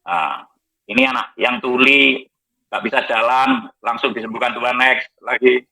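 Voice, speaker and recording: A man, a pastor giving his testimony in a studio talk, lively and jokey. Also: mid-range voice, moderate pace, creaky, low-quality recording. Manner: lively, jokey, repeats "next lagi" while showing slides.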